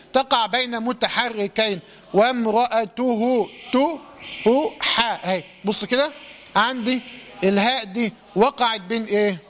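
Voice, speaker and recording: A man with an Egyptian accent teaching Quran recitation rules, quizzing students, correcting them and reciting verse fragments slowly. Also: high-pitched, sharp tone. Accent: Egyptian Arabic. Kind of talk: tajweed lesson, call-and-response drilling.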